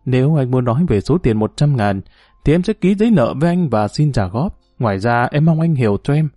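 A man voicing a hurt, bitter young woman who was once married, speaking in a pleading tone in his own mellow, dry-sounding voice. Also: mid-range voice, big pitch swings, a little fast, no echo, faint music behind.

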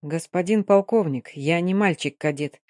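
A man's voice: on the high side, normal speed, darkish tone, no echo, clean studio sound, close to an everyday voice. A woman voicing a gloomy, wounded cavalry captain who talks curtly through clenched teeth, in an audiobook. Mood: sullen.

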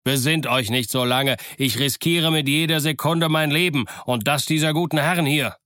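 A man's voice: a little high, normal speed, pushed and bright, no room sound, clean studio sound, pitched above the performer's own voice. A man voicing a stern, commanding male ship captain who calls out emphatically in an audiobook. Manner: raised, emphatic calling out. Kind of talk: audiobook character voice.

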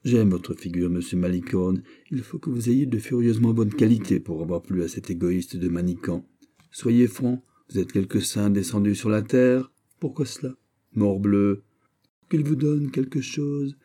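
A man reading an audiobook voices a lively young count of the royal court, bantering and exclamatory. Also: lowish voice, normal speed, close to an everyday voice.

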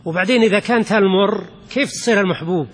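An older sheikh lectures his students, explaining patiently and checking that they follow. His voice sits high for a man and sounds a little husky. The long reverb of a lecture hall trails after every phrase. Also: very fast. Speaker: sheikh teaching rhetoric. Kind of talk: classroom lesson on a classical text.

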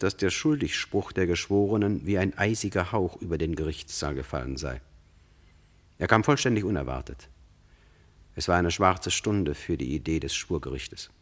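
In a deep male voice, the narrator lays out a true crime radio play, explaining it plainly to the listener with sober, measured delivery.

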